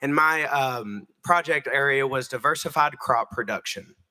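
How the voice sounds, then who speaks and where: Polite twenty-year-old student officer. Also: male voice, mid-range voice, moderate pace, sharp tone. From Tennessee. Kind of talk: self-introduction.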